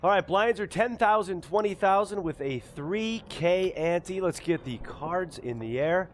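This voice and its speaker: A man's voice: high voice, expressive, a little slow, faint music behind. A man hosting and commentating a televised poker tournament in an enthusiastic, friendly broadcaster manner. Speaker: host.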